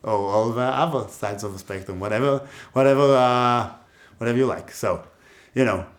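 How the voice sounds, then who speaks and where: A man with an Israeli accent teaches music in a casual talk to camera. His mid-range voice moves at a moderate pace as he gives advice, chatty and joking, with plenty of asides.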